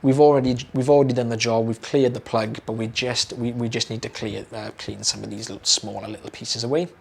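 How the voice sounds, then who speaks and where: A young British man, an audiologist, runs through a procedure on camera in a brisk, relaxed, chatty way with many fillers and repeats. His mid-range voice is slightly hoarse, like he's losing it, and there's a little hiss or hum in the recording.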